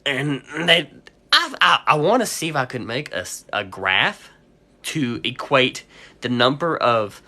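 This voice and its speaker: A man's voice: medium pitch, sing-song, measured pace, pushed and bright. A man who owns a pet store, ranting on a casual livestream, swearing often and sounding heated.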